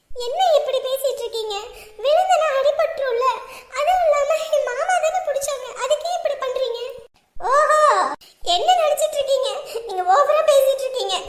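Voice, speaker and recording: A woman playing a sharp-tongued, scheming young woman who taunts and quarrels with her family. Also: extremely high pitch. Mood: taunting. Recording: echoey room, faint noise.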